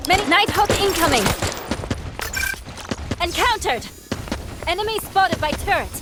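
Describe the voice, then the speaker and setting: Game heroine: very high voice, clipped battle callouts over loud gunfire. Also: female voice, lively intonation, unhurried, very noisy. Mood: alert. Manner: short, clipped alert phrases. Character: high-pitched female gadget fighter calling out enemy sightings. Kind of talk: video game combat callouts. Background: gunfire and clicks.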